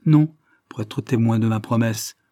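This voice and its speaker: A man playing a stern, threatening gentleman. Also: mid-range voice, unhurried, no room sound, clean studio sound, lightly acted. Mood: warning. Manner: threatening, emphatic. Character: stern, forthright young gentleman.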